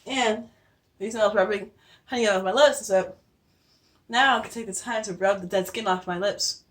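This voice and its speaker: A woman's voice: medium pitch, normal speed. Breathless chatty young woman vlogger. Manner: chatty, with many fillers and restarts. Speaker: beauty vlogger. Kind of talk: casual skincare tutorial.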